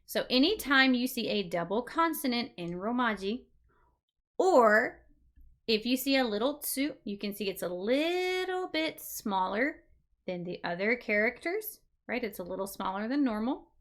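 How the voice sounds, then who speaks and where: A woman's voice: a little high, expressive, normal speed, a bit bright. A woman giving an online beginner Japanese lesson, patiently repeating example words and often checking in with "right?". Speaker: Japanese language teacher.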